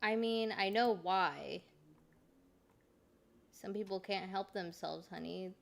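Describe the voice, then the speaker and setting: A woman's voice: mid-range voice, slow pace, creaky. Chatty exclaiming woman streamer. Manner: exclamatory, swears freely, chatty asides. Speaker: streamer reacting to videos. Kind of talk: casual reaction commentary. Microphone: desk mic with adjustable gain.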